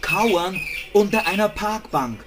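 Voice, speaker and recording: A man's voice: high-pitched, animated, slow pace, very noisy. A man narrating a comic animal sketch in plain storytelling style.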